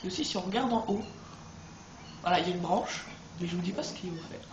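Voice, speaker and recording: A high-voiced young man giving chatty, excitable commentary while he plays a video game, talking straight to his viewers. The voice rings in a roomy space, with steady noise underneath. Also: fast talker. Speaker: let's play host. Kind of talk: gameplay commentary.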